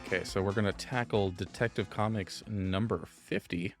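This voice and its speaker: A man co-hosting a casual podcast, chatting about old comics in a relaxed way with fillers. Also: fairly low pitch, normal speed, music in the background. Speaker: podcast co-host.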